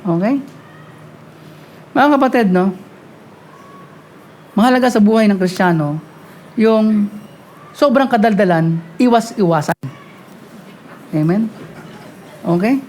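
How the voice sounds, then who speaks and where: A woman preaching a sermon, talking quickly and often asking the congregation "Amen?". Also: mid-range voice, lively intonation, a little mellow, a little hiss or hum. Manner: mixes Tagalog and English, frequent call-and-response "Amen?"; talks fast at times.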